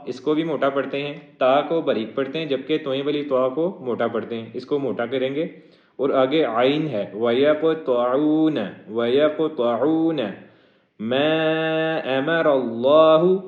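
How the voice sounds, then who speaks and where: A man teaching a Quran recitation lesson, moving between slow melodic chanting of verses and brisk spoken explanation of pronunciation rules. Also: mid-range voice. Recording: echoey, dull lo-fi audio.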